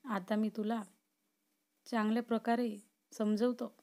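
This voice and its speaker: A woman's voice: a little high, flat delivery, a little slow, mellow, lightly acted. A woman voicing an obsessive, possessive young man who swings between pleading and threatening in a storybook reading. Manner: pleading then threatening, intense.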